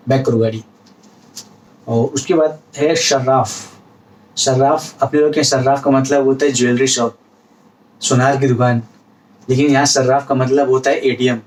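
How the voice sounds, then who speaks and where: A man's voice: mid-range voice, a little mellow, distant mic, poor audio. A man giving a casual spoken lesson, explaining words patiently with repetition and everyday examples. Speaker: language teacher vlogger.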